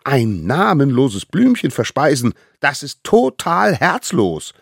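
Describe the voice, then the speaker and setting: A man voicing a tiny, eager boy caveman hunter with a high, pleading, fussy voice. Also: wildly swooping pitch, slow pace, creaky, husky, dry recording, clean studio sound, full character voice.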